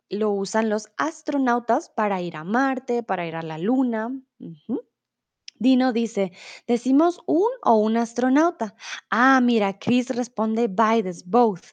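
A woman's voice: fairly high pitch, darkish tone, no room sound. A woman from teaching Spanish on a live stream, reading viewers' chat aloud and encouraging them patiently. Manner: patient, encouraging, repeats words slowly and switches to English.

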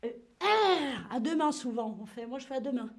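Woman teaching french on a live stream, high voice, upbeat, grunts out tennis swings and chats with viewers. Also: fast talker. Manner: lively, demonstrates tennis shots with grunts; greets and answers chat viewers by name. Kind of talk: live online French lesson.

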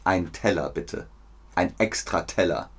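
A man's voice: low-pitched, unhurried. A man teaching German pronunciation on a live stream, repeating words with exaggerated care and answering viewers in the chat. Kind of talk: live-streamed language lesson.

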